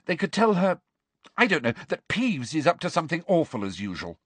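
A man's voice: fairly high pitch, wildly swooping pitch, fairly quick, a bit bright, slightly rough, dry recording, voice pushed up, exaggerated voice. A man voicing an anxious, insistent, clever teenage girl in an audiobook, pleading and precise. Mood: anxious, brisk. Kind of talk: audiobook character voice.

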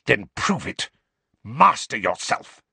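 A man's voice: fairly low pitch, huge pitch swings, slow, a bit bright, no room sound, heavily acted. A man voicing a cold, menacing male teacher who speaks in clipped, cutting phrases. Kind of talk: audiobook character voice.

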